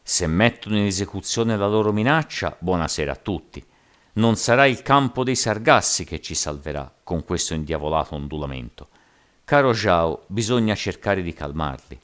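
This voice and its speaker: A man voicing a stern older sea captain, explaining things in a measured way, in an audiobook reading. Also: sits low, animated, a bit bright. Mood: uneasy.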